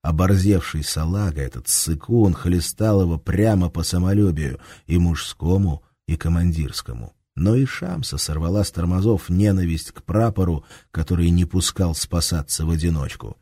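Deep, husky male narrator. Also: moderate pace, few pauses, warm tone, dry recording, studio quality. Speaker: audiobook narrator. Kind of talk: scripted narration.

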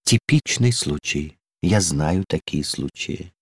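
A man's voice: rumbling low, animated, slow pace, fairly bright tone, breathy edge, no echo, studio quality, full character voice. A man voicing a fussy, know-it-all female door handle in a storybook reading, prim and insistent, sometimes dropping to a tragic whisper.

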